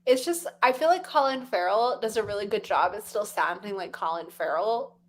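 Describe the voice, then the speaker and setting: A young woman co-hosting a podcast, chatting excitedly and packing her talk with "like". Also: mid-range voice, slight background noise. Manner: excited, fast chatter full of "like". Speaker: podcast co-host. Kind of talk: casual chat.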